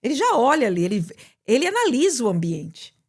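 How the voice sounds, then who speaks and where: A woman pastor with a Brazilian Portuguese accent, preaching in conversation with emphatic, animated delivery. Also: fairly high pitch, fairly quick, husky. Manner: animated, bursts into emphatic quoted prayers.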